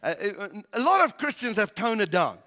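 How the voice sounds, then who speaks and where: A man preaching a sermon as pastor, in a lively conversational way with many fillers. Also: high-pitched, brisk. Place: barn church hall. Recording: reverberant church hall.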